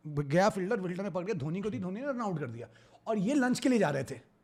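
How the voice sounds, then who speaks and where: A man's voice: high-pitched, fast talker. A man hosting a podcast in casual chat, telling stories with lots of laughter. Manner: animated, laughing storyteller. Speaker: podcast host.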